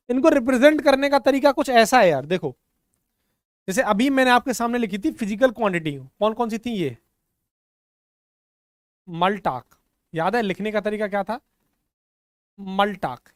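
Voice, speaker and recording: Desi physics sir teaching at the board, keeps asking "samjhe?", dry close sound. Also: male voice, high-pitched, expressive, moderate pace, long pauses, dry recording. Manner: repeats questions to the class and answers them himself; mixes English terms with Hindi, frequently checks understanding. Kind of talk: classroom lecture at a board.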